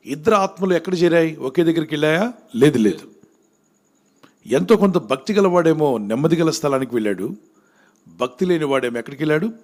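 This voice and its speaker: Preacher quizzing his congregation. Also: fairly high pitch. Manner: asks the crowd questions and presses them to answer louder. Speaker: pastor. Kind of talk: sermon with call-and-response questions to the congregation.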